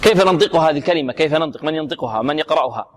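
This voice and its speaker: Man teaching Quran recitation, slightly high voice. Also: animated, slight background noise. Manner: drills letters slowly, quizzing students and repeating syllables. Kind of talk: tajweed lesson with students.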